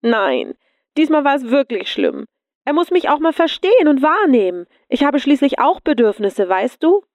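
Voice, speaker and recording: A woman's voice: fairly low pitch, flat delivery, a little fast, hardly any pauses, a little mellow, no room sound. A woman reading aloud and voicing a shaken young woman who pleads in a whiny voice. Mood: upset. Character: upset young woman, friend in trouble.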